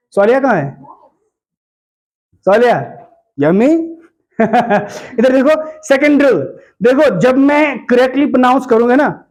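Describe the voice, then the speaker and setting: A man teaching pronunciation to a class, repeating words slowly in drills and checking whether the students follow. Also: very high voice.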